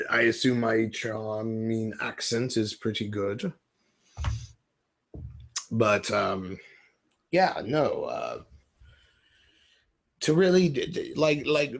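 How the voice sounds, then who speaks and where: A man's voice: mid-range voice, expressive, slow, vocal fry, long pauses. A man from Ohio rambling jokily through a casual livestream in a put-on British-sounding accent. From Ohio, USA. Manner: rambling, self-deprecating, jokey. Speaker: livestream host. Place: dim room at home.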